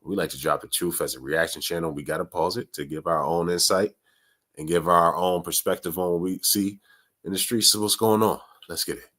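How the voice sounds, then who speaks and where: A man with a very deep, low voice hosts a reaction channel. He talks casually and turns straight to his viewers, inviting them to weigh in. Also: fairly even intonation, brisk, fairly bright tone. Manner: casual, addresses viewers directly. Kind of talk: reaction video commentary.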